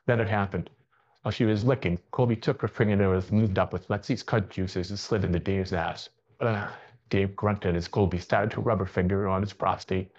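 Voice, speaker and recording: A man narrating a story aloud in a plain, steady reading manner, on a dull lo-fi recording. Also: low-pitched, brisk.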